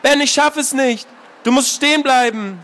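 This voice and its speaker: A man doing a frantic, shouting young woman. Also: high-pitched, a little fast, voice pushed up. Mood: desperate. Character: desperate young woman chasing her lost brother.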